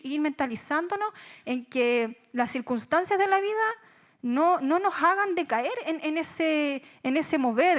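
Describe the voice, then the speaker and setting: A young woman with a Chilean Spanish accent giving a reflective sermon at church, asking rhetorical questions and pausing on fillers. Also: sits high. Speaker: church speaker.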